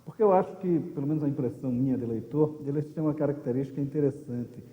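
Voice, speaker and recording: A man's voice: medium pitch, fast, roomy sound, long reverb tail, dull audio. A male interviewer asking long, hesitant questions full of fillers and tag questions.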